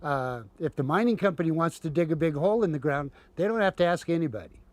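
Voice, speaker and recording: Resident guy with a higher voice, kinda wry. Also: expressive, fast, no room sound. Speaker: local resident. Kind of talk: interview.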